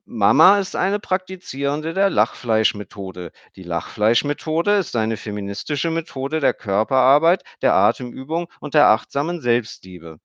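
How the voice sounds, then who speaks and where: A man's voice: medium pitch, very animated, moderate pace, hardly any pauses, fairly bright tone, dry recording, dull audio, voice pushed up. A man voicing a blunt, chatty little girl who speaks in a matter-of-fact, lecturing way. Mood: reciting.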